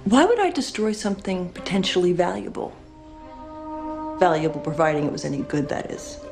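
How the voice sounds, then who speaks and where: A sardonic widow in a naturalistic TV drama. Her voice sits low and is full of bitter disappointment, cutting and scornful. Music is clearly heard behind her. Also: big pitch swings, brisk. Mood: defiant, guarded.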